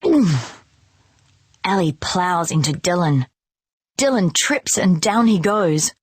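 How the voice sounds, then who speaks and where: Storybook narrator: a woman with a low, husky voice and lively intonation, dry close mic. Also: no echo. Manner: slow, expressive, clearly paced delivery. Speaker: storybook reader. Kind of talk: children's storybook reading.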